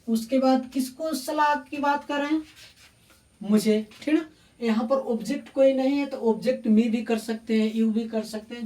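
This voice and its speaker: A woman's voice: a little high, warm tone. Teacher woman in an echoey room. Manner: asks the class questions and answers them herself, with frequent check-ins. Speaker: English grammar teacher. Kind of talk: classroom grammar lesson. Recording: echoey room, voice from far off the mic.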